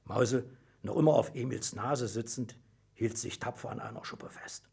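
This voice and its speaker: A man reading a children's story aloud in a lively, sing-song way. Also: medium pitch, normal speed, vocal fry, husky.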